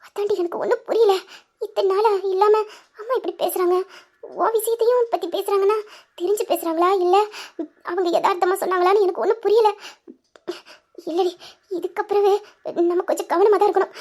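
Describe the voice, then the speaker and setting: A woman's voice: very high-pitched, steady tone, brisk, pauses often, darkish tone. A woman voicing a worried young woman in love who grows tearful about her family. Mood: cautious. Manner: anxious, tearful. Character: worried lovesick young woman, elder sister. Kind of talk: Tamil audio story acting.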